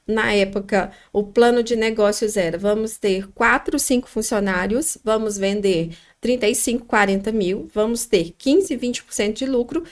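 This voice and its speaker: A middle-aged woman with a Minas Gerais accent, telling her story as a podcast guest, reflective and pausing often with fillers. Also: a little high. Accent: Minas Gerais Brazilian Portuguese. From Minas Gerais, Brazil. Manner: reflective, pauses with frequent fillers. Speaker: guest, restaurant founder.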